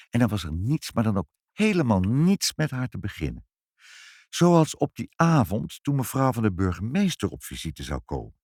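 A man narrating a children's story in a lively, expressive reading. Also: medium pitch, slightly rough, dry recording, studio quality.

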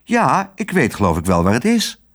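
A man reading aloud and voicing a brave little girl with a high, earnest voice. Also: huge pitch swings, normal speed. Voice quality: high, bright girlish voice. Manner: earnest, determined.

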